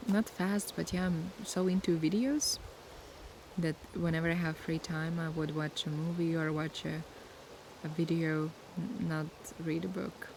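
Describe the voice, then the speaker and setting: In a casual ASMR Q&A, a young woman from Latvia speaks softly and slowly, stopping now and then to search for the right words; Latvian is her first language. Her deep voice holds level and flat with a gravelly fry running through it, and sea waves roll steadily in the outdoor background.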